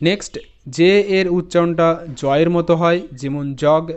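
A man with a slightly high, smooth, resonant voice leads a phonics lesson. He spells each word letter by letter, repeats it slowly, and checks in with his students. The recording sounds a little dull and muffled. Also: steady tone. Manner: addresses students directly with "ঠিক আছে?". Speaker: English teacher.

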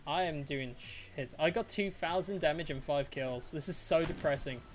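A game streamer chatting casually to viewers and a friend while playing, excitable and boastful, swearing freely. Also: mid-range voice, moderate pace, music in the background. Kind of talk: casual live-stream chat while gaming.

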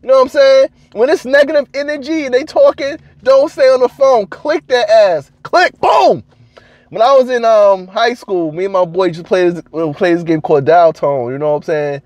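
A man vlogging to camera, telling stories in a casual, slangy, animated way and laughing between lines. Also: sits high, brisk, few pauses, no echo.

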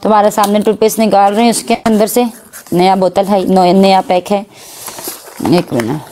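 A woman's voice: mid-range voice, fairly even intonation, normal speed, mellow, slight background noise. A woman, a streamer who protests and argues her case during a casual game dare.

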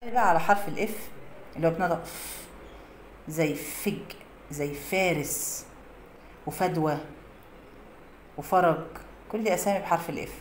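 A woman's voice: fairly low pitch, normal speed, long pauses. A woman with an Egyptian Arabic accent teaching an English pronunciation lesson, explaining phonics rules through many example words. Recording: echoey room with faint noise.

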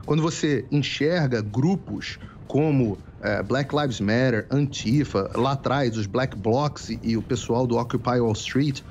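A man's voice: on the high side, darkish tone, slight background noise. A man speaking as a guest commentator on a political talk show, lecturing in an emphatic way and repeating key phrases, heard over dull, lo-fi remote-call audio.

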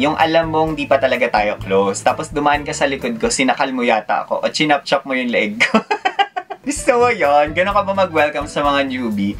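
A man's voice: mid-range voice, a bit bright. A young Filipino man vlogging, telling stories with friends in a playful, teasing way, laughing often and mixing English into his Tagalog. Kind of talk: casual storytelling with friends.

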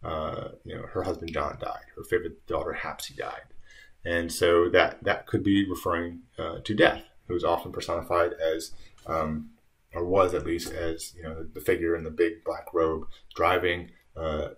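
Very deep-voiced, halting male teacher. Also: level tone, a bit bright. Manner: halting, with many fillers and restarts. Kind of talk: annotating a story reading.

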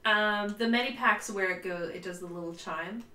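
A woman playing a video game and chatting casually at home, with quick asides and frequent laughs. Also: mid-range voice, pushed and bright, roomy sound, far from the mic. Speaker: let's play player. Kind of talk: casual gameplay commentary. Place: home room with a cat.

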